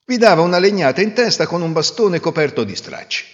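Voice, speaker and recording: A man's voice: sits high, animated, brisk, voice pushed up. A man voicing a clever, self-assured young peasant hero in a folk tale. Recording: roomy reverb, dull lo-fi sound.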